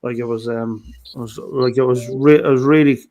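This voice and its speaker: A man's voice: medium pitch, fairly even intonation, normal speed, dark tone. A man in a casual chat who stammers, repeats his words and fills his talk with "like" and "um".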